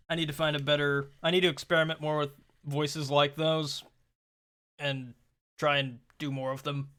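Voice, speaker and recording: Bright, chatty male game streamer. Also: medium pitch, smooth. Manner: chatty, self-deprecating, rambling asides. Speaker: let's-play host. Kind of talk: casual gameplay commentary.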